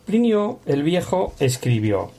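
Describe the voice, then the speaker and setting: Man, husky, mellow tone, Bible lesson, conversational. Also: on the high side, big pitch swings, slow pace. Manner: conversational, asks rhetorical questions. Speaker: Bible teacher. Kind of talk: explanatory Bible commentary.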